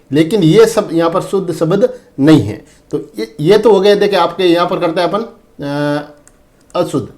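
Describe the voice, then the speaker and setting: A man teaching exam prep in a fairly high voice. He goes through each point slowly and repeats himself, calling the viewers friends and brother. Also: darkish tone. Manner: repetitive, addresses viewers as friends and brother, often says "dekhen". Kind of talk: exam-prep lesson on Hindi spelling.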